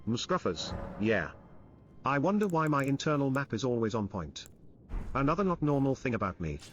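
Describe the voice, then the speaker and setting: A man's voice: mid-range voice, sing-song, normal speed, lo-fi sound, faint music behind. A man's synthetic voice reading out viewer messages during a stream. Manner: reads viewer messages aloud.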